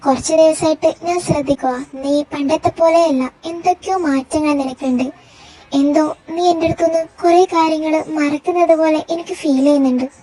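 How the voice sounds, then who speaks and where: A woman's voice: high-pitched, fairly even intonation, fairly quick, warm tone, close to an everyday voice, rough recording. A woman voicing a caring young best friend in a fan fiction audio story, pressing for answers and offering reassurance. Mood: concerned.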